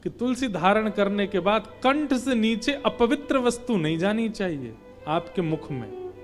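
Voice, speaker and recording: A man's voice: high voice, expressive, a little slow. A man giving a devotional sermon as a preacher, emphatic and rising into fervent appeals. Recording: faint instrumental music behind.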